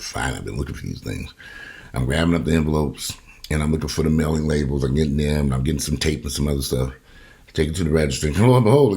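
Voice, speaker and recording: Very deep-voiced man telling rambling stories. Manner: rambling, profane, animated retelling with quoted voices. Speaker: vlogger. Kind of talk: casual storytelling monologue.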